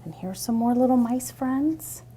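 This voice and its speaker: A woman tutoring a young child in reading one-on-one, gentle and encouraging. She praises often and drops her voice to a soft near-whisper. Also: a little high, measured pace, husky.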